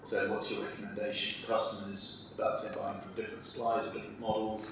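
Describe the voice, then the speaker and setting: A man's voice: fairly low pitch, completely flat delivery, fast, recorded from a distance. A man in the audience asking probing technical questions. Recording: echoey hall from afar, noisy.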